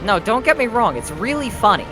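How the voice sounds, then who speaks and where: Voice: medium pitch, fairly quick, music in the background. Dry, teasing gamer co-host. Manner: dry teasing, deadpan jabs. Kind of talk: casual gaming chat.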